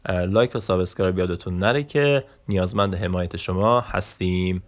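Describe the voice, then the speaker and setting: A man with a notably low voice runs a vocabulary lesson. He says each word slowly and carefully, repeats it, then moves on with brisk little asides. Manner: slow deliberate repetition of each word, then quick asides. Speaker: Turkish language teacher. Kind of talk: vocabulary lesson, reading words aloud.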